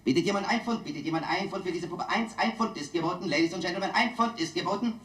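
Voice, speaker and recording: An actor playing a smooth-talking auctioneer in a dubbed film, giving repetitive sales patter and bid calls. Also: male voice, high voice, fast, fairly bright tone. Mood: salesmanlike patter. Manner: repetitive auctioneer calling of bids. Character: smooth-talking London auctioneer hawking antiques to bidders. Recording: echoey room, old film dub.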